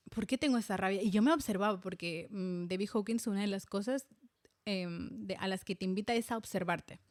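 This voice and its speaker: A woman's voice: medium pitch, a little mellow, no echo. Candid Spanish woman, dry close sound. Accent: Spanish from Spain. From Spain. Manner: candid, confessional, many fillers and restarts. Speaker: podcast host. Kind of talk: personal reflective monologue.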